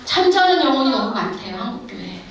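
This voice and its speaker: A woman's voice: high-pitched, sing-song, fast talker, a little hiss or hum. A middle-aged woman missionary giving an emphatic testimony sermon in a church, exhorting the congregation directly. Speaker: missionary preacher. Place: church sanctuary. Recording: echoey hall, far from the mic.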